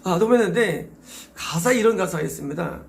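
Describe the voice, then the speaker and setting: Korean-accented male pastor, middle-aged, gravelly high voice, emphatic sermon delivery. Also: animated, a little fast, slight background noise. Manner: emphatic, exhorting with rhetorical questions.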